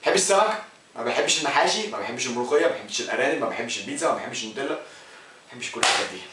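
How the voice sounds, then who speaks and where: A young man with an Egyptian Arabic accent hosts a comic Q&A vlog, joking and switching between mock-serious mumbling and loud outbursts. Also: medium pitch, animated, racing, heavy reverb, recorded from a distance, heavy background noise. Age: young adult. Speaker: comedy YouTuber.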